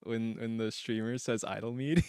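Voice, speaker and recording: A man streaming live, joking around and quick to laugh at himself, chatting casually about voice training. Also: mid-range voice, steady tone, darkish tone, clean tone, dry recording, clean studio sound.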